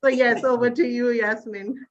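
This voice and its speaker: High-voiced woman hosting a video call. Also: fairly even intonation, normal speed, lo-fi sound, a little hiss or hum. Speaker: session host. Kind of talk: online group meeting moderation.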